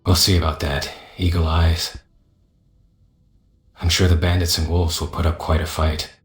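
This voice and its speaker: A man voicing a scheming, mocking mercenary companion in a fantasy game, sardonic and condescending, with drawn-out taunts. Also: very deep voice, level tone, roomy sound, faint music behind.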